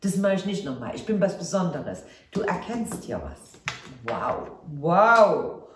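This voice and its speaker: A woman's voice: fairly low pitch, sing-song, normal speed, warm tone, slight background noise. A woman doing a casual tarot reading to camera, effusive and exclamatory, addressing viewers fondly. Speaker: tarot card reader. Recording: roomy echo.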